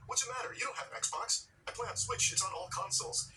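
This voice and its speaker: A boastful young gamer guy pushes and pries in a pitched-up, bright voice, as a man puts him on. He comes across as defensive and pushy. The mic sits at a distance, with faint noise behind. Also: big pitch swings, fast talker, soft background music, heavily acted. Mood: pushy, raised. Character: hostile boastful young male gamer texting.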